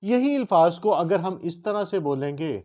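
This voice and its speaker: A man's voice: high voice, expressive, dark tone. Emphatic man from Punjab teaching. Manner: emphatic, slows to spell out word pronunciations. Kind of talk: motivational lesson.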